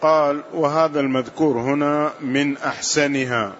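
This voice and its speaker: A man's slightly high voice reads classical religious text in a steady, formal cadence. The recording sounds dull and lo-fi, with a faint hiss underneath. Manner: measured, formal reading with chains of narrators. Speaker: student reading hadith text aloud. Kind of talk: recitation of classical hadith text.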